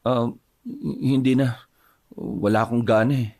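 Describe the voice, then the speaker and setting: A man's voice: mid-range voice, steady tone, unhurried, warm tone, natural voice. A man doing a curt, suspicious young husband. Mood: evasive. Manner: curt, snapping. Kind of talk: horror audio drama dialogue.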